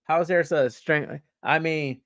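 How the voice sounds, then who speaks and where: Gravelly, heated young man ranting. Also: fairly high pitch, fairly even intonation, a little slow, fairly bright tone, no echo. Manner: stumbling, repeats words, swears, gets heated. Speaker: podcast host. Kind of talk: casual ranting commentary, reading news aloud.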